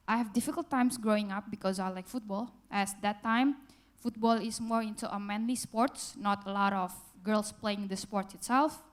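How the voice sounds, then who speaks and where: Earnest young woman speaking on stage. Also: mid-range voice. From Indonesia. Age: young adult. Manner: earnest, simple non-native English phrasing. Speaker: youth panel speaker. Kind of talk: personal story told on stage. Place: large hall at a festival, on stage.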